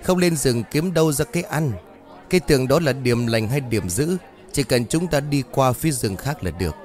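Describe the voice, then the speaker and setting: A man's voice: medium pitch, lively intonation, normal speed, darkish tone, faint music behind, natural voice. A man voicing a defiant male villager who argues back and rouses the crowd in a ghost story.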